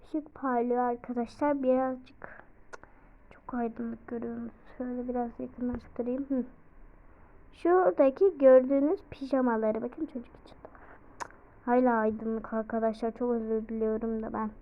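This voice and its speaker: A young woman chatting casually as she plays a mobile life-sim game, excitable and apologetic, often exclaiming. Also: fairly high pitch, moderate pace. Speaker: game vlogger. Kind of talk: casual let's-play commentary. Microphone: phone. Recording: tinny phone-like recording.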